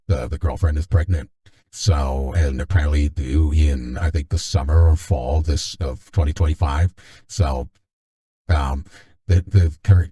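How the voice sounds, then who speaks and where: A man hosting a casual stream, talking through a deep voice changer and joking as he rambles. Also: dark tone. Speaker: streamer host.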